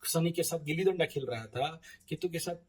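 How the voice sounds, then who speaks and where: A man, an astrologer, telling stories in a casual spoken monologue, animated and often laughing, swinging between loud and soft. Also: fairly high pitch, fairly quick, breathy edge, low-quality recording. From eastern India.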